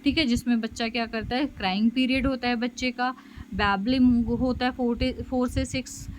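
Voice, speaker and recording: A woman's voice: on the high side, fairly even intonation, moderate pace, a little hiss or hum, low-quality recording. A woman teaching a special education lecture and explaining slides, with lots of fillers and "okay?" checks. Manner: explanatory, frequent fillers and "theek hai" checks. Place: home.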